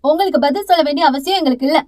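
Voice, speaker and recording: Brief: woman playing brash young sister, quick retorts, high bright voice, dry. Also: no room sound, close to an everyday voice. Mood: defiant.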